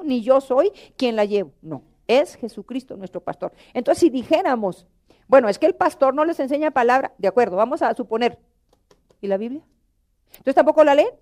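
A woman's voice: high-pitched, warm tone. A middle-aged woman preaching a sermon, emotional and pleading, often calling out to the congregation.

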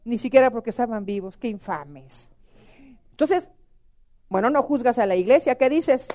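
A woman gives a fervent sermon testimony. Her voice sits high, and she keeps turning to the congregation with questions. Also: lively intonation, fairly quick, warm tone. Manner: impassioned, asks the congregation questions. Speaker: preacher.

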